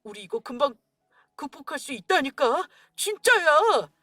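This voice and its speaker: A woman's voice: high voice, big pitch swings, moderate pace, bright, forceful tone, dry recording, clean studio sound, heavily acted. A woman voicing a weak grown son and husband who stammers and pleads, in a dramatized radio story. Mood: pleading.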